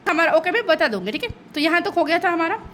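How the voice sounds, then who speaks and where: Lively high-voiced woman teaching a class. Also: quick pace, slight background noise. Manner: lively, checks understanding with constant "okay?" asides; laughs at her own slips. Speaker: school English teacher. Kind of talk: online class explanation in mixed Hindi and English.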